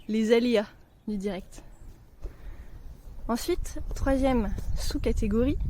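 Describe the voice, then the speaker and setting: A woman with a higher, mellow voice talks about books in a relaxed, chatty way, often pausing mid-sentence. She is recorded outdoors on a walk among trees, with a faint outdoor hush behind her. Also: slight background noise, poor audio. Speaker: book vlogger. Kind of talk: casual book chat while walking.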